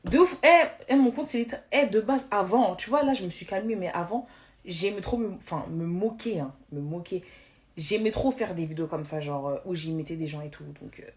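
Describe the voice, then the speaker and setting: Irritated woman ranting fast on a live stream. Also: medium pitch. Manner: fast, tangled, slang-heavy speech with many restarts. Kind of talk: heated casual rant on a live stream.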